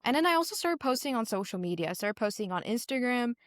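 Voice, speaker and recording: A teenage girl from Singapore, a young business founder, answers interview questions earnestly and conversationally, telling stories with lots of "like." Her voice is a little high, very animated and fast. The recording is studio quality with no echo.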